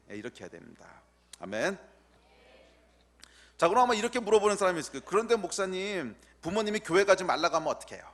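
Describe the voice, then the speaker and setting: Pastor guy preaching, voice goes way up and down, keeps quizzing the kids and repeating words. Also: a little high. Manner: animated, teasing, quizzing children in the pews; repeats key words slowly for emphasis. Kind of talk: sermon.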